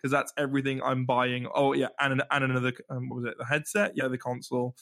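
Excitable man stammering. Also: mid-range voice, fast talker, vocal fry. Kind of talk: casual chat.

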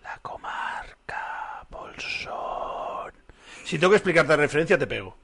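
Gravelly teasing man. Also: a little high, sing-song, whispered. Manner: teasing, quick wisecracks. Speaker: podcast co-host. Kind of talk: casual banter before a live audience. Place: bar with a live audience.

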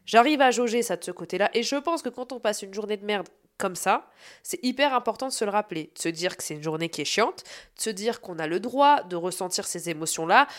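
A woman hosting her own podcast, telling a story about her day in a casual, animated and self-mocking way, swearing freely. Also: mid-range voice. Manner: shifts between fast asides and slow, dragged-out emphasis. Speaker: podcast host.

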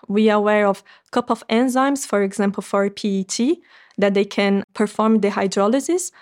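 A woman with as an answers interview questions as a startup founder. Her voice sits at a middle pitch. She talks in an earnest, explanatory way with some fillers.

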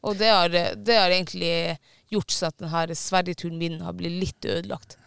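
A man telling a story in casual chat, animated, swearing now and then and pausing often on fillers. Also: sits high, creaky, smooth, no room sound.

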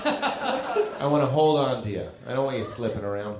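A man hosting a live comedy podcast on stage, riffing quickly and playfully and laughing often. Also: mid-range voice, huge pitch swings. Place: live theatre stage before an audience. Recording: roomy live hall with background noise.

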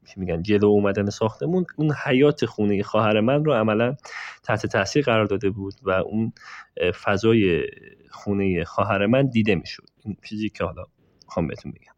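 A man's voice: lowish voice, a little mellow, dry recording. A man narrating a true story in a conversational way, breaking off into asides that he speaks straight to his listeners. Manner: digressive, addresses listeners directly. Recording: dull, dry lo-fi recording.

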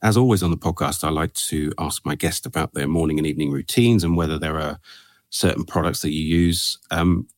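A man's voice: very deep voice, a little fast, dry recording, studio quality. A man hosting a podcast, asking friendly, rambling questions with plenty of fillers. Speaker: podcast host. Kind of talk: casual podcast interview.

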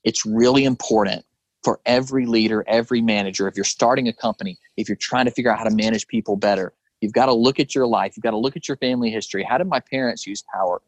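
A man's voice: on the low side, quick pace, dry recording, rough recording. A man who is a guest and leadership speaker with a preacher's background, talking earnestly in conversational storytelling with rhetorical questions.

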